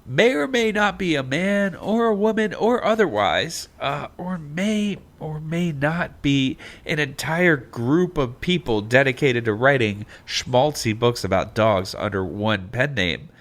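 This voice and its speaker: A man's voice: on the high side, measured pace, hardly any pauses. A man hosting a casual podcast chat, joking and running the segments. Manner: lively, joking, runs the segments. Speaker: podcast host. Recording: uneven podcast audio.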